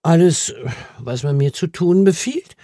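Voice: mid-range voice, animated, a little slow, warm tone, no room sound, pitched above the performer's own voice. An audiobook reader voicing a dry, loyal old male gardener who speaks plainly and matter-of-factly.

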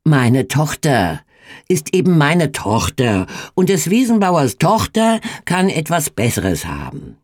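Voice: mid-range voice, huge pitch swings, takes it slowly, husky, no room sound, studio quality, pitched above the performer's own voice, exaggerated voice. A reader voicing a stout, proud, stubborn farmer man in a storybook reading, blustering and emphatic. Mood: scornful boast. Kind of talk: audiobook reading.

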